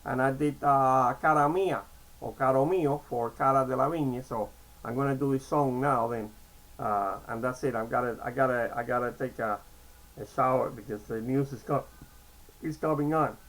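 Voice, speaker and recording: A Cuban man in his sixties delivers a casual, rambling vlog monologue in a mid-range, fairly bright voice at a moderate pace, with poor audio. Chatty and digressive, he restarts often and keeps checking in with "okay?".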